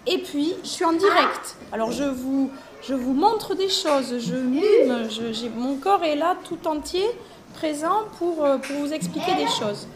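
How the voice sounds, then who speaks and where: High-voiced woman teacher explaining to kids. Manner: patient, simple explanations with pauses. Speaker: teacher running video calls with English pupils. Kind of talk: explaining to schoolchildren in an interview. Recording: noisy classroom with crowd chatter. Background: children chattering.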